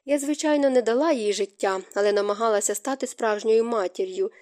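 A woman's voice: a little high, fairly quick, natural voice. A woman reading as a grieving stepmother. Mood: sorrowful. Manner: soft, hushed, tearful delivery. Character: grieving middle-aged stepmother, gentle and remorseful.

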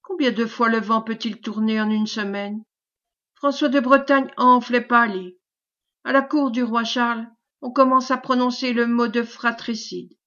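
A woman reading the lines of a servile, scheming man who flatters in a caressing, obsequious tone, in a storybook reading. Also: fairly high pitch, normal speed, highs cut off, natural voice. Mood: fawning. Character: fawning, sly male schemer, servile and unctuous.

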